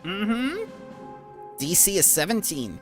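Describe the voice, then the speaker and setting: A man's voice: high voice, huge pitch swings, takes it slowly, music in the background. A man running a tabletop game as game master, narrating casually and calling out results.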